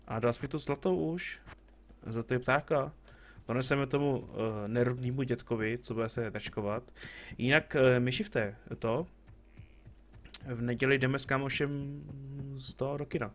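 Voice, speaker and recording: Chatting casually while streaming a game, this man jokes with the characters on screen and welcomes viewers as they join. He has a mid-range, slightly bright voice with fairly even intonation.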